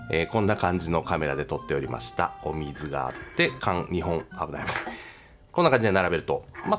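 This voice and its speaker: A man with a Kansai accent narrating his travel vlog in a jokey way, mixing formal phrasing with dialect. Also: deep voice. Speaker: travel vlogger.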